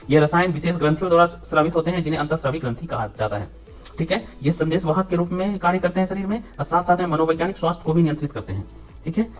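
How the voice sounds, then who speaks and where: A man teaching a biology lesson for exam students, mixing English terms into Hindi, repeating key points and checking in with the class. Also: on the high side. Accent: Hindi mixed with English terms. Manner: repeats points, ends phrases with frequent checks for understanding.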